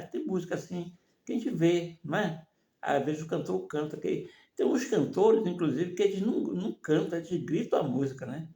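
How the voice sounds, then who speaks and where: An older man talks in a rambling, folksy way and keeps tossing in little questions to his listeners. His voice is gravelly and sits a bit high for a man. He is recorded in an echoey room. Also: mellow. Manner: rambling, keeps asking "né?" and "não é mesmo?"; folksy, moralizing. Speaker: vlogger. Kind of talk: casual advice monologue.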